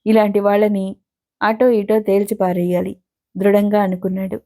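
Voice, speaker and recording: A woman storyteller reading a serialized story aloud in a steady, expressive way. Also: mid-range voice, normal speed.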